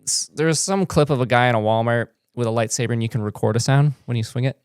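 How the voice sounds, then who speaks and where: A man's voice: mid-range voice, fast, clear, resonant tone, no room sound, studio quality. A man hosting a podcast, chatting eagerly and laughing often with his guests. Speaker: podcast host. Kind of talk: casual chat.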